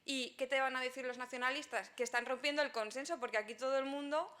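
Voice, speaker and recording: A woman columnist speaking as a panelist in a round-table debate, halting, with many restarts. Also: high-pitched, fairly even intonation, bright, forceful tone.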